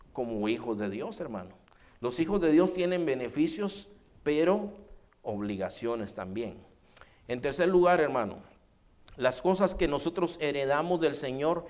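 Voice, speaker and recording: Male church pastor, somewhat high voice, sermon with anecdotes. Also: darkish tone. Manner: addresses listeners as brother often; storytelling with quoted dialogue.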